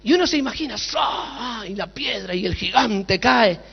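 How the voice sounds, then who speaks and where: A male pastor, preaching a sermon with dramatic storytelling, sudden shouts and rhetorical questions. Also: sits high, animated, a little fast, creaky, breathy edge. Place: large hall at a conference. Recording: echoey hall, dull lo-fi sound.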